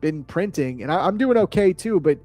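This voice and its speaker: Young man, higher voice, easygoing stream co-host, light music underneath. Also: lively intonation, brisk, mellow, no echo. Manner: upbeat, casual, says bro a lot. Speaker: live trading stream co-host. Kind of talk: casual live-stream chat. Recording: faint music behind.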